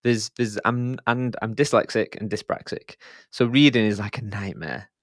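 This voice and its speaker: A man's voice: fairly low pitch, moderate pace, dry recording, clean studio sound. A man hosting a podcast, asking questions in a chatty, jokey, self-deprecating way. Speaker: podcast host. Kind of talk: casual conversational interview.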